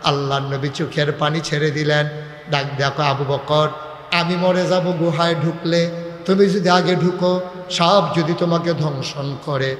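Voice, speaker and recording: A man preaching a sermon, telling a story in a sing-song voice that climbs to loud shouts. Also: a little high, level tone, measured pace, slight background noise. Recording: echoey live PA sound.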